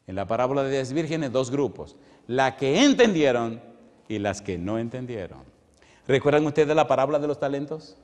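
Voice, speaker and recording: A male pastor preaching in a church, animated and full of questions for the listeners. His voice sits at a middle pitch. It carries a long, ringing hall echo. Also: moderate pace. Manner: animated, keeps asking the congregation questions. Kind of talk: sermon. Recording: long reverb in a large hall.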